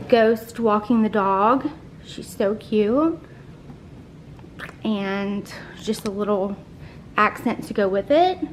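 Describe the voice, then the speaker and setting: A woman walks through her home, chatting in a slightly high, upbeat voice with plenty of ums. A faint household hiss sits under her talk. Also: poor audio. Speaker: home decor vlogger. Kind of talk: casual house tour narration. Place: inside a home.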